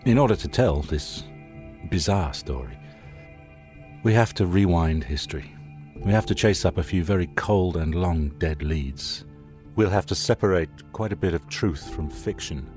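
Man, low voice, true-crime podcast narration, conversational storyteller, direct address, suspenseful short phrasing, light music bed. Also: animated, moderate pace, darkish tone.

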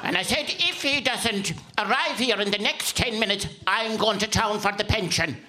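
A performer voicing a cantankerous, chatty old Irish president in a radio comedy impression, with an Irish accent. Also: female voice, mid-range voice, moderate pace, some chatter behind, natural voice. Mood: grumpy, indignant. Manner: grumbling, chatty, excitable.

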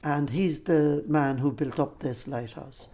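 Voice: mid-range voice, unhurried, background noise. An older person with an Irish accent from Cork, telling stories conversationally as a local guide and building up lists with repeated phrases. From County Cork, Ireland. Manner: explains by listing and repeating phrases for emphasis. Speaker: interviewee and local lighthouse guide who grew up in a keeper's family. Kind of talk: conversational storytelling and guided reminiscence.

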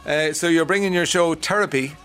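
Jokey Irish radio host. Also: male voice, fairly high pitch, fairly quick, fairly bright tone. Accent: Irish Midlands. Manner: jokey, laughs along with guest. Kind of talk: radio interview.

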